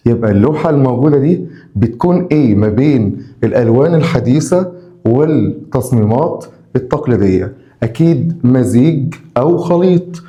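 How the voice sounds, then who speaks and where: A male English teacher with an Egyptian Arabic accent giving a vocabulary lesson to school pupils. He says each English word slowly several times, explains it in Arabic and asks quick prompting questions. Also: medium pitch, warm tone, reverberant.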